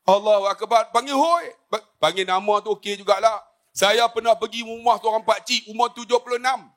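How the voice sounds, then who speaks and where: A man's voice: sits high, steady tone, a little fast. A man, giving a jokey religious forum talk full of stories and asides to the audience. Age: 50s. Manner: jokey storytelling, addresses the audience often. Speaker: religious speaker on a forum panel.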